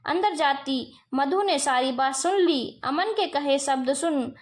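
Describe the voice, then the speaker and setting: A woman narrating a scripted moral story in a plain, even storytelling manner. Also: sits high, takes it slowly.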